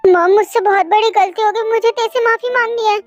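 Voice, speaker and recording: A woman's voice: extremely high pitch, steady tone, brisk, dull audio, soft background music. A woman voicing a remorseful young husband in an audio story, pleading desperately with his mother.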